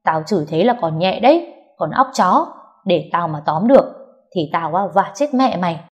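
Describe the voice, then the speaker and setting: A woman voicing a fiery, foul-mouthed young woman who shouts insults in sharp, combative bursts. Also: on the low side, expressive, normal speed, natural voice. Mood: furious.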